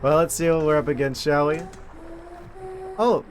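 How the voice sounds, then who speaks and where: A man giving casual, wry gameplay commentary as a streamer, thinking out loud. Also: a little high, fairly even intonation, normal speed, a little hiss or hum. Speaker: game streamer.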